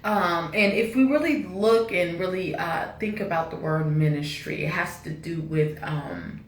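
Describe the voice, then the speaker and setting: A woman giving a casual channeled spiritual message to her viewers, relaxed and repetitive, with a preachy lilt. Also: fairly low pitch, unhurried, roomy sound, distant mic, slight background noise. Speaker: spiritual reader.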